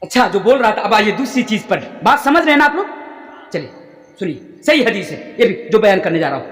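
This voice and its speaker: A man in his twenties from India preaching a fervent sermon that rises to shouting, heard through an echoey PA. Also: high-pitched, big pitch swings, brisk. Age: 20s.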